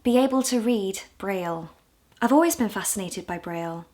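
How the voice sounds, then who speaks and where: Twenty-something british woman vlogging, chatty and self-deprecating, bit hoarse, mid-pitched. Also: moderate pace, darkish tone. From United Kingdom. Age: 20s. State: hoarse, low on voice. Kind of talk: casual talking-head vlog.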